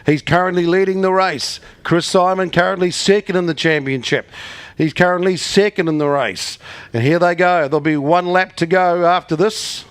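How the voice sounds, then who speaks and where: A man's voice: high voice, normal speed, clean tone, no room sound. A man with a New Zealand accent calling a motor race live as a race caller, building suspense in short punchy phrases and questions.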